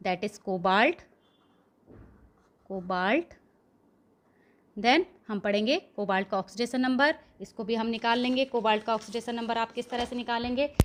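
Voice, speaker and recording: Woman teacher explaining chemistry step by step. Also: a little high. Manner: explains step by step, often checking in with "ठीक है"; mixes English terms into Hindi speech. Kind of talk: classroom lecture.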